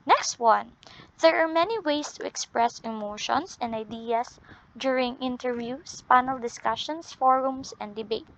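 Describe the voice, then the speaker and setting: A woman teacher with a Filipino accent giving an English lesson, drawn out and deliberate, often ending points with a questioning "no?". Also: on the high side, fairly bright tone. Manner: ends points with tag "no?". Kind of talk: classroom lesson. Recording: dull lo-fi audio.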